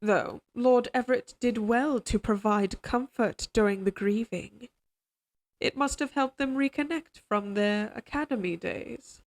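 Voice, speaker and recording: A woman voices a regal queen in an audio drama roleplay, possessive and controlling yet tender, using formal, measured courtly speech. She sounds coolly firm, with a voice that sits a little high.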